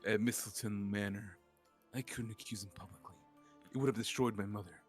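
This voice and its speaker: A man's voice: lowish voice, a little fast, husky, faint music behind. A man reading out a young male writer's murder confession in a murder mystery role-play. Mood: bitter. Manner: reads a dramatic confession in an even voice.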